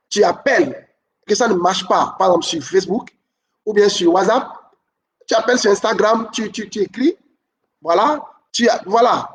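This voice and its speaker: Coach, male, high voice, teaching style, keeps asking "ok?", a little off-mic. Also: distant mic. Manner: repeats key points, asks "ok?" often. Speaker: relationship coach. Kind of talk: teaching talk.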